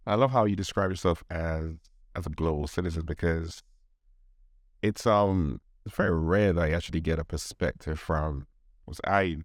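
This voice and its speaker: A man from Nigeria who grew up in Britain, hosting a podcast interview in a relaxed, conversational way. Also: low-pitched, moderate pace, dry recording, clean studio sound. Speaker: podcast host.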